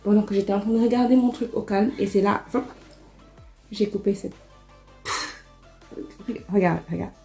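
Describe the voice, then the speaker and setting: A woman talking casually to camera as a hair vlogger, chatty and animated with exasperated asides. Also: mid-range voice, normal speed, gravelly, pauses often, faint music behind. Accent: French. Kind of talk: casual vlog chat.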